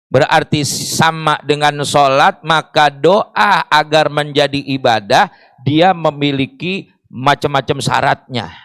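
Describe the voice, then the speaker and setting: A man's voice: on the high side, takes it slowly, fairly bright tone, no echo. A man preaching a sermon in a mosque, explaining with rhetorical questions and Arabic phrases.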